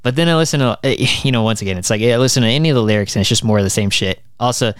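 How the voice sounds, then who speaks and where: A man's voice: medium pitch, racing, clear, resonant tone, no room sound, clean studio sound. A man co-hosting a casual podcast album review, rambling and swearing with lots of fillers. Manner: animated, profane, rambling with fillers. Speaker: podcast co-host.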